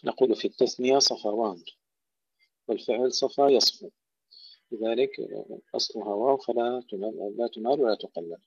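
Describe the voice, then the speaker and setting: A man teaching Quran recitation, who recites phrases slowly and loudly and then explains each rule in a plain teaching voice. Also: mid-range voice, husky, no echo. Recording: dull, dry lo-fi recording.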